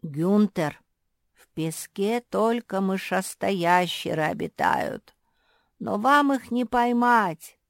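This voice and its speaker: A woman's voice: mid-range voice, sing-song, slow, gravelly, dry recording, studio quality, pitched above the performer's own voice, full character voice. Woman doing a weary talking rag heap. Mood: resigned. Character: weary male rag heap, resigned outcast.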